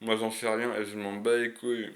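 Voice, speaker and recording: Lisping man, low-pitched rambler. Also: level tone. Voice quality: lisp, slushy s. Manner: rambling, hesitant, frequent long searching pauses; crude slang. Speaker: video creator. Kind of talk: unscripted casual monologue.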